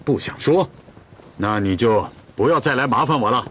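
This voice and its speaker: A man's voice: medium pitch, expressive, moderate pace, a bit bright, a little hiss or hum, natural voice. An actor playing a dutiful young Torghut man who tends the khan's horses, in a period TV drama, firm and reasoning. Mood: exasperated. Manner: firm, reasoning, at times soothing. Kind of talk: television period drama acting.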